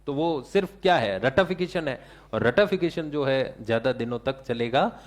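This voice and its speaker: A man's voice: medium pitch, lively intonation, normal speed. A male teacher giving a classroom lecture, asking the class questions and answering them himself, with English terms mixed into his talk.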